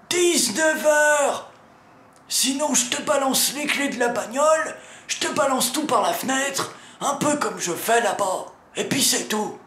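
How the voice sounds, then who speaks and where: In a comic character sketch, a channel host announcing meetups plays a grumpy, foul-mouthed old riddle-keeper from a lighthouse. His full character voice is extremely high and a bit bright, grumbling and scolding the viewer through a sore throat. The room is echoey, with slight background noise.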